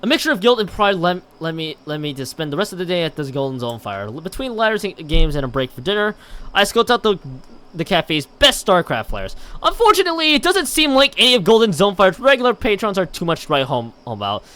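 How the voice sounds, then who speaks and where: A live game streamer reads a visual novel aloud and chats with dramatic emphasis, frequently stumbling and repeating or restarting words. His high-pitched voice swings widely in pitch and comes out fast, bright, and forceful. The tone is clear and resonant.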